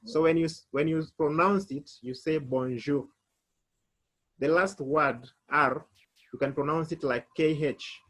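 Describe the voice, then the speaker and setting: A man's voice: on the high side, normal speed, a bit bright. A man teaching a beginner French lesson online, spelling words out letter by letter.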